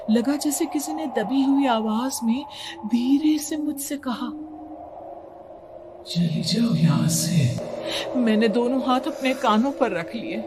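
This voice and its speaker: A woman narrating a first-person horror story for a cartoon in a hushed, suspenseful manner. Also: on the high side.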